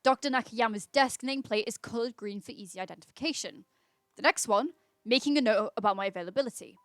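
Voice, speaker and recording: A woman with a fairly high voice talks fast on a livestream she's hosting, reading aloud casually and chatting as she answers the chat. The audio has no echo.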